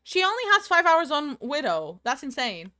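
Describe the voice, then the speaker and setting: A woman chats with viewers while streaming a game from home into a desk microphone, rambling, talkative and answering chat aloud. Her voice is high and sing-song with a sharp tone, at a moderate pace. There's no room sound.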